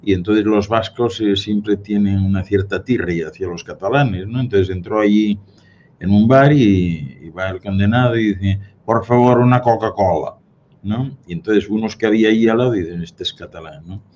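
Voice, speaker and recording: A man's voice: on the low side, moderate pace, darkish tone. A man from Spain with a neutral Spanish accent, chatting as a guest and telling anecdotes with laughter. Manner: storytelling, chatty, laughs at his own jokes. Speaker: guest speaker. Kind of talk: casual conversation. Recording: dull lo-fi sound with faint noise.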